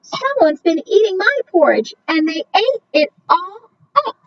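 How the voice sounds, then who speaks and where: A woman voicing a tiny, upset male bear cub in a storybook reading, with a high, squealing way of complaining. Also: big pitch swings, unhurried, dry recording, far from the mic, dull audio, full character voice. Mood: indignant.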